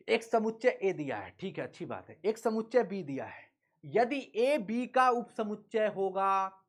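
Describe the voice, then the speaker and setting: Guy teaching online, slow talker, jokey and scolding, makes the kids repeat after him. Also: sits high. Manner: playful, teasing, drills students with call-and-response. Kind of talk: live online class lecture.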